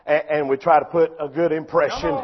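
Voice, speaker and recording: A man preaching a sermon, impassioned and often shouting, with a repetitive preaching cadence. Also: on the high side, a little fast, lo-fi sound.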